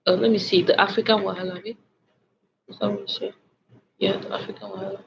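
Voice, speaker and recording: A woman's voice: mid-range voice, fairly quick, creaky. A young woman chatting casually on a livestream, telling a story animatedly with lots of restarts and fillers while reading viewer comments. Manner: animated retelling with many restarts and filler words. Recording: slightly dull lo-fi audio with faint noise.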